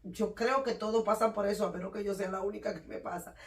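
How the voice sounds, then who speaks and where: A woman from the Dominican Republic with a Dominican accent, talking loudly and quickly in a casual conversation about faith and handling anger. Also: medium pitch. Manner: loud, fast, animated talker. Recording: echoey room, voice from a distance.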